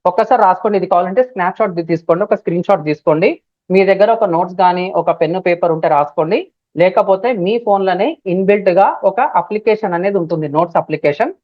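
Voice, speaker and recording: Loud, emphatic woman trainer, Telugu accent. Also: on the low side, fast talker, no echo. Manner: loud, emphatic, repeats key phrases; spells words out letter by letter. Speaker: digital marketing trainer. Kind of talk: live online class, Telugu-English mix. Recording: dull, dry lo-fi stream audio.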